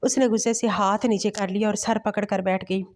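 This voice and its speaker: A woman storyteller narrating a romantic novel in steady bedtime-story reading. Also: mid-range voice, a little fast.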